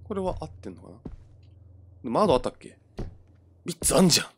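A man's voice: fairly high pitch, very animated, fairly quick, gravelly, slight background noise. A young man giving let's play commentary on a horror game, jumpy and stammering as he talks to himself. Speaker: gamer playing a horror game.

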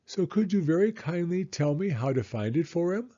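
A man voicing a humble, dreamy teddy bear in a children's storybook, slow, earnest and plaintive. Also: a little high, sing-song, dark tone, muffled recording, pitched above the performer's own voice. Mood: humble, troubled. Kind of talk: children's storybook character reading.

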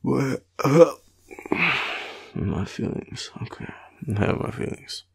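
At medium pitch and a slow pace, this expressive, husky, slightly mellow voice shows vocal fry. It comes from an Australian roleplay performer playing a drowsy, clingy, teasing boyfriend who murmurs, rambles and half-whispers often in an intimate scene.

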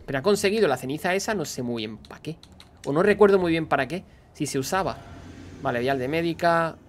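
Man from spain, spanish accent, fairly high voice, chatty gameplay reaction host. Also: animated, a little fast, a little hiss or hum. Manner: chatty, explains and laughs along.

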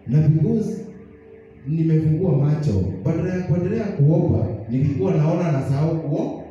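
A man's voice: on the high side, moderate pace, dark tone. A young Kenyan man preaching a sermon in a church, switching between English and Swahili and putting questions to the congregation. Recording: roomy, distant, dull church broadcast.

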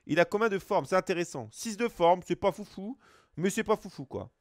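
A man's voice: high-pitched, expressive, brisk, no echo, clean studio sound. A Belgian man with a Belgian French accent, streaming live as he opens packs, greeting chat viewers and swearing casually.

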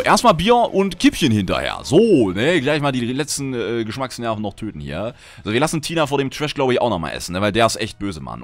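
A man from Germany chatting casually while streaming a game, reading out chat messages and swinging between grumbling and excited outbursts. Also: lowish voice. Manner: reads out chat messages and answers viewers. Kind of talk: casual livestream gameplay chat.

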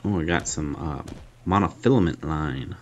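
A man with a very deep voice narrates his own mobile gameplay in a casual, chatty review. He thinks aloud and pokes fun at his own missed casts. Faint game music plays behind him. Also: moderate pace, a little mellow, lo-fi sound.

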